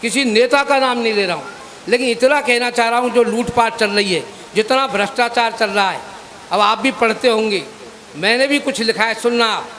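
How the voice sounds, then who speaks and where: A man's voice: extremely high pitch, normal speed, bright, forceful tone. A man reciting satirical poetry on stage, half-singing the refrains and stopping to talk to the audience. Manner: chants and half-sings refrains, breaks off to address the audience. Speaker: poet at a poetry gathering.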